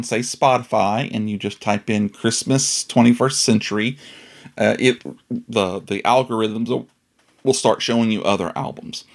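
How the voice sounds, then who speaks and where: A man hosting a podcast in a casual, chatty style. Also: on the low side. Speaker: podcast host.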